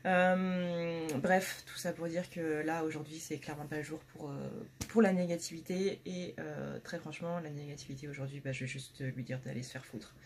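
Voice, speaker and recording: A woman's voice: sits low, fairly even intonation, normal speed, few pauses, slight background noise. A woman with a blunt manner, talking casually with many fillers and restarts as she gives a tarot reading for her channel. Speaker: tarot reader.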